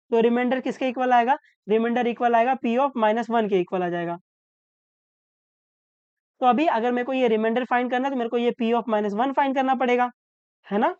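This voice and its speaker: A woman teaching maths step by step, asking questions and answering them herself, and slowly dictating each formula. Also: fairly high pitch, darkish tone, clean tone, no room sound. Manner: asks questions then answers them, often adds "isn't it?". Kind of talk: step-by-step lesson while writing. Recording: dull, muffled sound.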